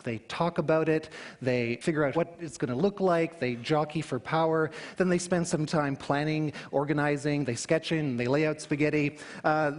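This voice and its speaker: A man giving a public talk, telling it in an animated way with emphatic rhetorical questions. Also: fairly high pitch. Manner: animated storytelling, emphatic question-and-answer delivery. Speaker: conference speaker. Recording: hall reverb.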